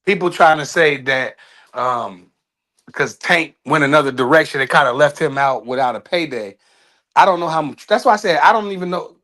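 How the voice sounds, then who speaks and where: A man with a slightly high, bright, forceful voice talks at normal speed as co-host of a casual boxing talk show. His sports chat is loose and rambling, trailing off with laughs.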